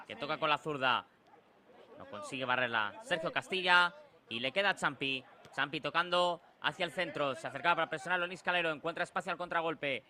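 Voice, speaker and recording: A man with a Spain accent giving breakneck, excitable live football commentary, with drawn-out goal shouts. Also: medium pitch. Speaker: sports commentator.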